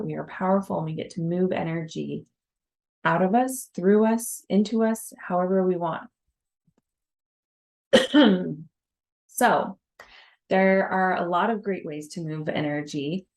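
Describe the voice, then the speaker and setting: A young woman with a low voice teaches breathwork in a relaxed, conversational way. She often stops on fillers and checks in with her listeners as she explains. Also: creaky. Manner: conversational, with frequent fillers and tag questions. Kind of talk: casual teaching talk.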